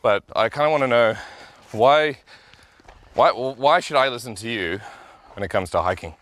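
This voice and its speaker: A man's voice: mid-range voice, normal speed, fairly bright tone. A man hosting a casual podcast on a bush hike, out of breath and joking around. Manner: joking, playful. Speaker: podcast host. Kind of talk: casual chat while hiking. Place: outdoors on a bush hiking trail.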